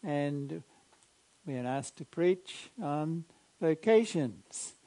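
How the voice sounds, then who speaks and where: Measured older priest with a mellow voice. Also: male voice, on the high side, lively intonation, low-quality recording. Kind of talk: Gospel reading and homily.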